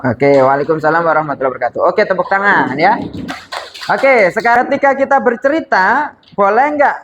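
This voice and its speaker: A man's voice: sits high, brisk, dull audio, background noise. A man teaching storytelling to a group in a workshop, upbeat and coaxing, counting students in for practice. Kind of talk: workshop lecture with practice drills.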